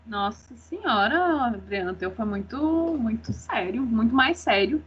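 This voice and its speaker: A woman teacher runs a class discussion over a video call, reacting with ready exclamations. Her voice is a bit high and breathy. The audio sounds muffled and dull. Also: measured pace. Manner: expressive, reacts with frequent exclamations. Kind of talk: leading an online class discussion.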